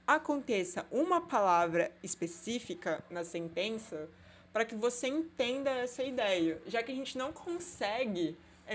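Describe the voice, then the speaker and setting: A woman teaches a beginner Mandarin lesson in a recorded online class. She talks patiently, stops often to check that her students follow, and slows down carefully whenever she models a Chinese phrase. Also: medium pitch.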